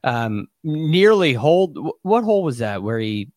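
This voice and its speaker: A man's voice: a little high, very animated, moderate pace, a little mellow, dry recording, clean studio sound. A man co-hosting as a golf commentator, explaining shots in a casual, conversational way with hesitant phrasing. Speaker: golf podcast co-host and analyst.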